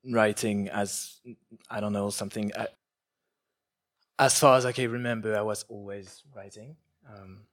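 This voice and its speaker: A man with a fairly low voice reads his own literary prose in a measured, poetic cadence. When he answers questions afterward, he turns halting and restarts his sentences. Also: fairly bright tone. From France. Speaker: author. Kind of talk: literary reading and interview answers.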